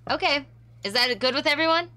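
A woman's voice: sits high, a loud crowd. A woman co-hosting a craft livestream, bubbly and enthusiastic, chatting casually. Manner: bubbly, enthusiastic, quick to agree. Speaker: co-host crafter. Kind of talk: casual group chat.

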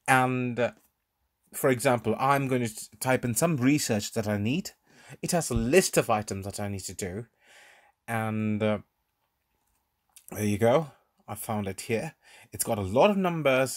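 A man narrating a screen recording tutorial, explaining step by step in an informal way. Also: mid-range voice. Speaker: tutorial presenter. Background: voice-over on a screen recording.

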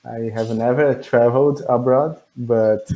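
A young Brazilian man with a warm, relaxed timbre talks on a video call through a headset. His English is careful and a little halting, with a Brazilian Portuguese accent and a friendly, easygoing manner. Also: medium pitch, low-quality recording. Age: 20s. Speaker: English student. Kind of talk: casual video call chat. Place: indoor room, green backdrop.

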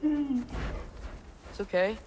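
An actor voicing an earnest, determined teenage boy hero in a video game cutscene, speaking slowly and carefully. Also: very high-pitched, lively intonation, mellow, slight background noise, exaggerated voice.

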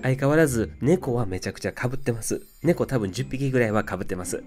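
A man's voice: mid-range voice, lively intonation, a little fast, darkish tone. A man from Osaka, a flight attendant vlogger, narrating in a humble, very polite voice-over. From Osaka, Japan. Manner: humble, very polite, self-deprecating. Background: faint music.

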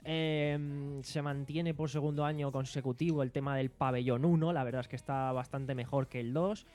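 Young man, Spanish accent, podcast host, rambling, self-mocking, slightly high voice, living-room desk mic. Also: darkish tone. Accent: Spanish from Spain. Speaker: podcast host and sound technician. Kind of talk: casual podcast chat. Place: living room studio with several people. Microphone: desk microphone on stand.

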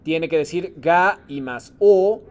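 A man leads a Japanese class with a patient, encouraging manner. His voice sits a little high. He calls on students one by one and mixes Japanese phrases into his explanations. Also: takes it slowly. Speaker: Japanese teacher. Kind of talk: online class lesson.

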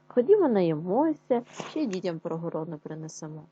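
A woman's voice: medium pitch, animated, brisk, mellow, slightly rough, lo-fi sound. A woman voicing a sly, chatty female fox in a children's tale. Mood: cheerful, boastful.

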